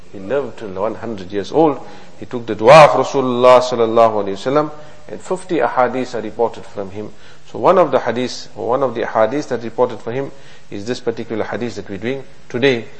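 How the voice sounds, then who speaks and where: A religious teacher with a mid-range voice delivers a hadith lesson, preaching earnestly and repetitively, posing rhetorical questions and reciting Arabic at speed. The recording quality is low.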